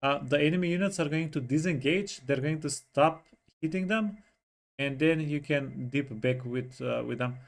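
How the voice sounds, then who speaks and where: A man explaining game tactics in a casual, step-by-step way, with frequent pauses to think. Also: fairly high pitch, creaky. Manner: explanatory, hesitant fillers, walks through tactics step by step. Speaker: co-host giving gameplay tips. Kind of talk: casual gameplay coaching.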